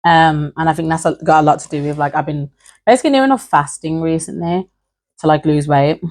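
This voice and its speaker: This YouTube host talks informally to camera in a chatty vlog, hesitating and scattering filler words throughout. Her voice is deep and a little mellow, and her pace is brisk.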